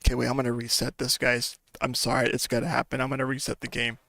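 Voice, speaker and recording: A man's voice: mid-range voice, completely flat delivery, fast talker, vocal fry, pushed and bright, no echo. A man commenting casually on a football management game, chatting to viewers as "folks" and sighing and laughing through his frustration. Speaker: gaming commentator.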